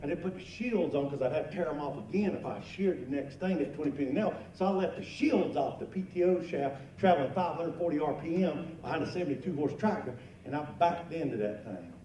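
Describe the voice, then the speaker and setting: A middle-aged man tells a comic tale with an animated, folksy delivery and acted-out exclamations. His voice sits a bit high. He is picked up from across an echoing event hall, with room noise around him. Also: a little fast, hardly any pauses, distant mic. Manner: animated, folksy, acts out exclamations and sound effects. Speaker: luncheon guest speaker. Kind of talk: comic storytelling to an audience. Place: large event room at a lunch.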